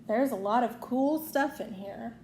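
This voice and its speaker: Storybook cartoon mouse, male, cheerful and excitable, played by a woman, high-pitched, in a roomy space. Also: a little slow. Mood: relieved, pleased. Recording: roomy echo, faint noise.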